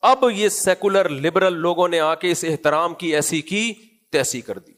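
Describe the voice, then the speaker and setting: A man's voice: on the high side, a bit bright. A man with a Pakistani Urdu accent giving a Quran commentary lecture, asking rhetorical questions and answering them himself. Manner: acts out casual scolding in asides. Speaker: preacher.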